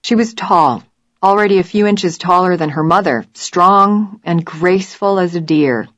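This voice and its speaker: Low-voiced woman narrating a story. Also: moderate pace, a bit bright, dry recording, muffled recording. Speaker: audiobook narrator. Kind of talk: scripted narration.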